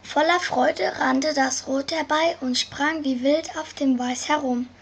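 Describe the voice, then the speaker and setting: A woman reading a children's story aloud as narrator, in a slow, careful way. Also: high-pitched, fairly even intonation. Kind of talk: scripted narration.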